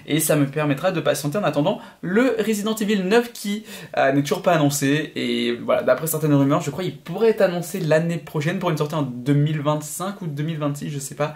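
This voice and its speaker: A young man chats about what he is looking forward to, his voice sitting a little above the usual male pitch. He rambles eagerly, stacking fillers and restarting his sentences as he goes. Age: young adult. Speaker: YouTuber. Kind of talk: casual vlog chat.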